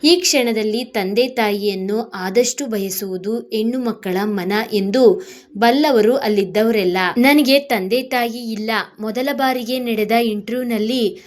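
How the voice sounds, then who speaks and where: A woman narrating a story aloud in a steady, expressive reading style. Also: on the high side, unhurried.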